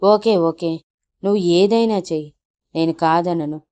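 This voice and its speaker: A woman voicing a remorseful young man who pleads softly and soothingly in a storybook audio drama. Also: fairly low pitch, normal speed, clean tone, lightly acted.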